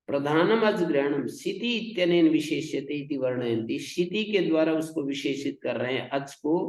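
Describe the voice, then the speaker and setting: Slow gravelly male Sanskrit teacher. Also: fairly high pitch, echoey room, low-quality recording. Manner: explanatory, recites Sanskrit then glosses in Hindi. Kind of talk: classroom lecture explaining sutras.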